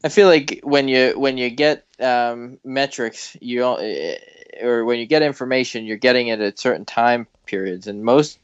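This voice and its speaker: A man with a clear, resonant voice speaks in a halting, searching way, restarting his sentences. He talks casually with colleagues. The sound is dry and a little dull. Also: medium pitch, no echo. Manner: hesitant, many restarts. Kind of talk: casual discussion.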